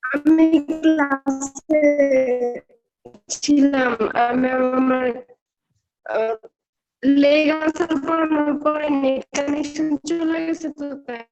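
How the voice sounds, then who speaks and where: A woman's voice: high-pitched, fairly even intonation, darkish tone, highs cut off, soft background music. A woman student answering her teacher hesitantly over an online call, her voice choppy and breaking up. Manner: hesitant, halting. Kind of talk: casual reply to a teacher. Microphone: laptop or phone on a video call.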